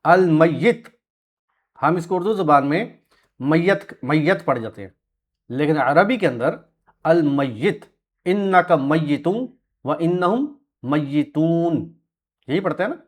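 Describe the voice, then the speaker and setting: Speaking with a fairly high, animated voice at a slightly slow pace, a man teaches his students Quranic Arabic words. He clears his throat often, corrects their pronunciation with patience, and affirms correct answers softly and briefly.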